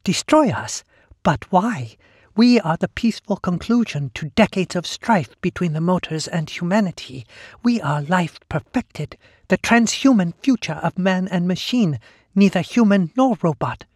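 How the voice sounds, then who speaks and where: A man doing a high oily hive-monster woman. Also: expressive, measured pace, no room sound, clean studio sound, full character voice. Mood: coaxing. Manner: oily, taunting, zealous. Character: hissing female hive-monster, body fused into flesh.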